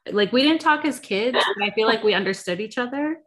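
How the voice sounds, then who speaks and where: A woman's voice: a little high, lively intonation, brisk, fairly bright tone. A woman in her thirties hosting a casual pop culture podcast, chatting in a conversational way. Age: 30s. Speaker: podcast host.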